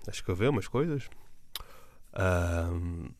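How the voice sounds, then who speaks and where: A man's voice: deep voice, expressive, takes it slowly, darkish tone, no room sound. A man with a European Portuguese accent, a comedian telling a rambling story in casual slang, full of restarts and fillers. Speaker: stand-up comedian.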